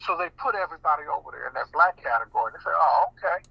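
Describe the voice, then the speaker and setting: A man with an American accent talking casually on a radio show, animated and often repeating words as he restarts. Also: fairly high pitch, very fast, gravelly, husky, no room sound. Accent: American English. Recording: muffled radio broadcast.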